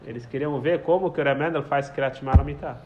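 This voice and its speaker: A man's voice: medium pitch, quick pace. Man teaching a prayer, slightly muffled. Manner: explanatory, storytelling, repeats phrases. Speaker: Torah teacher. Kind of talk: teaching a prayer text to a small group. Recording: slightly dull, faint background noise.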